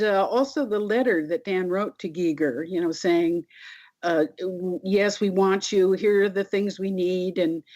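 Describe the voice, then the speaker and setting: A woman with a lowish voice recalls things as an interview guest. She talks casually and haltingly, in an anecdotal way. The recording is dull and lo-fi. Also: darkish tone. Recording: dull, lo-fi sound.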